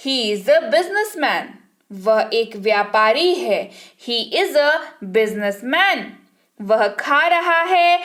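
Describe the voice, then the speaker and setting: Slow, careful woman teaching English. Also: a little high, fairly bright tone. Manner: says each English example very slowly and clearly, twice. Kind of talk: vocabulary lesson with slow spoken examples.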